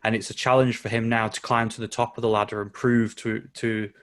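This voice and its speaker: A man's voice: on the low side, level tone, brisk, fairly bright tone. A man from England co-hosting a football podcast, chatting casually and telling a story with a laugh. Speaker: podcast co-host. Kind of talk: casual chat.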